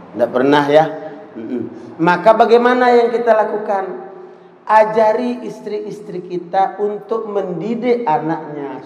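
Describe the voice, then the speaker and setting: A man's voice: fairly high pitch, darkish tone. A man with an Indonesian accent preaching a sermon, telling stories and acting out the quoted dialogue. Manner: storytelling, acts out quoted dialogue. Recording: echoey hall reverb.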